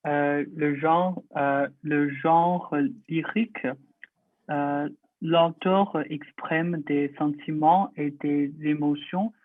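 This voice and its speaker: Chinese-speaking student over a tinny call. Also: male voice, fairly high pitch, fairly even intonation, extremely slow, no echo. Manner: careful reading with fillers. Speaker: student reading aloud. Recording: tinny video-call audio.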